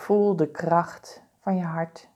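Slow calm woman doing a body scan meditation, lowish soft-edged mellow voice, lots of pauses. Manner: slow, calm, soothing, deliberate instructions with pauses. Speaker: guided meditation instructor.

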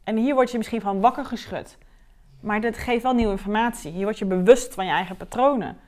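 Woman coach talking straight at you in her podcast, blunt and lively, acts out what people said. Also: mid-range voice, fairly quick. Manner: direct, animated, acts out client and herself in quotes. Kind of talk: podcast monologue.

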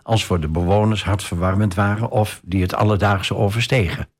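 Low-voiced, formal male interviewer. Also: steady tone, fairly quick. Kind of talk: prepared interview questions.

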